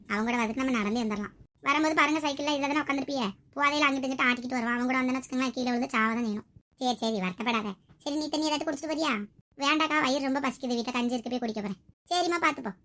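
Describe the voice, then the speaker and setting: Quick bright-voiced woman. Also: sits high. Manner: quick scolding village banter. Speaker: sketch performer. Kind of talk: village comedy skit, many characters.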